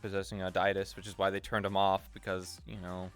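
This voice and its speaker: A man's voice: deep voice, little pitch movement, a little fast, a bit bright, smooth, faint music behind. A man in an in-character roleplay, rambling and swearing with many restarts. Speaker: roleplay streamer.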